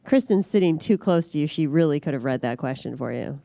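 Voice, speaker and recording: A woman's voice: low voice, animated, a little fast, vocal fry, warm tone. A woman moderating a question-and-answer panel, breezy and joking. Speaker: workshop moderator.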